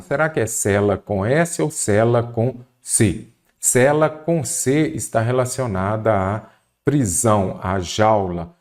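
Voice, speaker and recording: A man teaching an exam-prep grammar lesson, explaining step by step and answering his own questions. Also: fairly low pitch. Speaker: Portuguese teacher.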